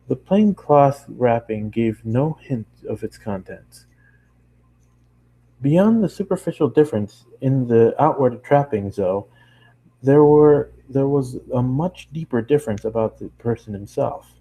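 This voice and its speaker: A man with a medium-pitched, dark voice reads fan fiction aloud as an amateur, occasionally stumbling and correcting himself. The recording is rough.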